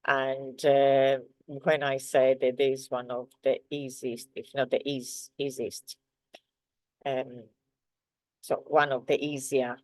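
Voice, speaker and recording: Her voice is very deep, captured in a dry, rough recording. She's a language teacher from Sardinia, Italy, a native Italian speaker with an Italian accent, and she teaches her online lesson hesitantly, with plenty of fillers.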